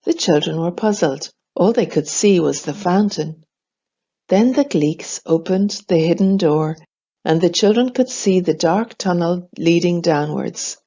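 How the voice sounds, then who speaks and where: A woman reading a children's storybook aloud, slow, clear and expressive. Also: fairly low pitch, dull audio.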